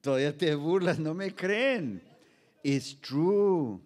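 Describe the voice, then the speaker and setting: Animated yet slow, with a slightly high voice and a darkish tone, the Mexican-American pastor of about fifty, a Los Angeles native, tells stories full of acted-out dialogue and English phrases. It is a humorous sermon for a children's ministry, given on the stage of a large indoor hall into a stand microphone.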